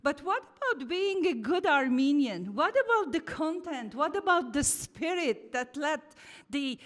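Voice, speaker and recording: A Lebanese woman gives an earnest, heartfelt formal address at a community lodge meeting held in a church hall. Her voice is high and very animated, though her pace is measured, and the hall adds reverb.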